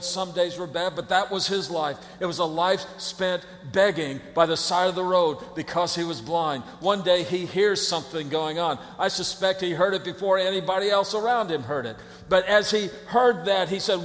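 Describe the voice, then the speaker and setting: A male pastor delivers a sermon with a high voice and dramatic swings between hushed tones and shouts. His words ring out in a large church. A long reverb trails behind each phrase.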